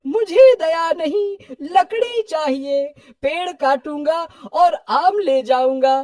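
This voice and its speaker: A woman voicing a greedy, heartless male woodcutter in a cartoon, blunt and gruff. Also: very high voice, slow pace, darkish tone, no room sound. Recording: distant, dry sound.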